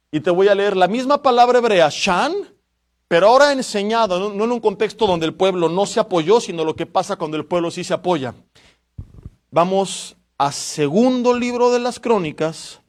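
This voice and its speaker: A pastor preaching a sermon with passion, moving between hushed and loud emphasis and asking listeners direct questions. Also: male voice, high-pitched.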